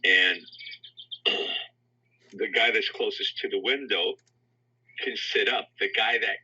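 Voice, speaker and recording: A man hosting a live talk session, telling a motivational story in an earnest way and getting animated when he quotes people. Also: lowish voice, slow pace, slightly rough. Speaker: host of a live audio room. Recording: dull lo-fi audio.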